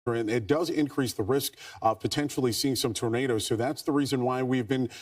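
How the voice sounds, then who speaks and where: A man's voice: mid-range voice, fairly even intonation, brisk, a little mellow, distant mic. A man with an American accent giving live storm forecast commentary as a TV meteorologist.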